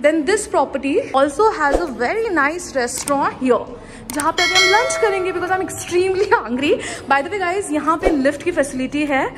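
A woman's voice: very high voice, animated, takes it slowly, very noisy. Chatty young Indian woman vlogging a stay. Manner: chatty, upbeat, talks straight to camera. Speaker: travel and food vlogger. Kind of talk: casual vlog tour, mixing Hindi and English. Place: hotel room, lobby and outdoor pool. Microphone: phone held at arm's length.

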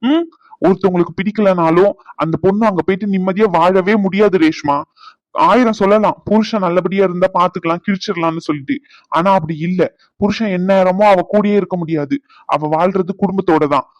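A man's voice: high-pitched, a little fast, no room sound, lo-fi sound, natural voice. A man voicing an angry young man who lectures his friend for not defending the bride in a cartoon. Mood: lecturing. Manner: indignant, lecturing. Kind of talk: cartoon voice acting.

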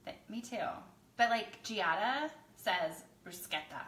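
A woman's voice: medium pitch, lively intonation, normal speed, pushed and bright, roomy sound. A woman co-hosting a casual chat while mixing drinks, bubbly and self-deprecating. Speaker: co-host.

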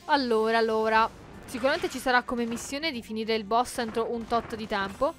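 A woman's voice: a little high, moderate pace, faint music behind. A woman playing a video game and commenting, chatty and jokey, shrieking in panic when things go wrong. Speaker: gaming YouTuber. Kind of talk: let's play commentary.

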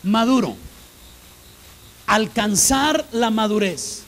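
Very high-voiced male preacher. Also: lively intonation, takes it slowly, fairly bright tone. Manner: emphatic, repeats phrases to drive points home; asks the congregation direct questions. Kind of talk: sermon. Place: church.

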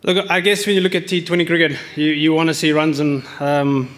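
A man's voice: on the high side, steady tone, fairly quick, fairly bright tone. A man in his forties, a cricket coach answering reporters' questions at a press conference, speaking into table microphones with frequent fillers and restarts.

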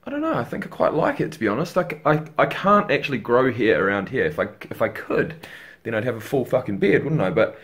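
A man's voice: mid-range voice, big pitch swings, quick pace, a bit bright. A tired young man chatting casually in a home vlog, rambling and swearing as he talks to a webcam in his bedroom. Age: young adult. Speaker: fitness vlogger.

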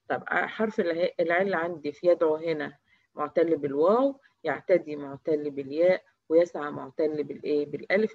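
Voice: medium pitch, no room sound. A teacher with an Egyptian Arabic accent, in the middle of their range, runs through grammar review points. The teacher keeps asking small quiz questions and then answers them, and drills example words one at a time. The recording is dry and slightly muffled.

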